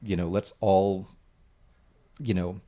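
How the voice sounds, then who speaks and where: Earnest rambling man, lowish voice. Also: fairly even intonation, takes it slowly, dark tone. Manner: earnest, rambling with many fillers. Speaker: guest, nonprofit founder. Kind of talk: casual conversation.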